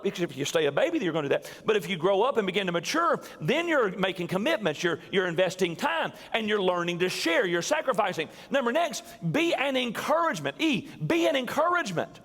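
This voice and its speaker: A middle-aged male pastor giving a sermon in a church, animated and quoting people in acted voices. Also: high-pitched. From US South. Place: church sanctuary. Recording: long church reverb.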